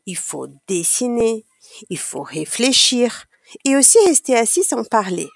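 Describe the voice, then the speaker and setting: A woman narrating a children's story aloud, slowly and expressively for small children. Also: a little high, sing-song, vocal fry, no echo, studio quality.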